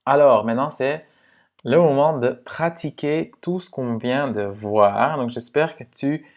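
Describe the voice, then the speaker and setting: Male language teacher, slow gravelly delivery, casual and chatty, lots of check-ins with the viewer. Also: medium pitch. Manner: relaxed, filler-heavy explaining to the viewer, with frequent "hein" and "ok". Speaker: Dutch pronunciation teacher. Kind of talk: casual explanatory lesson.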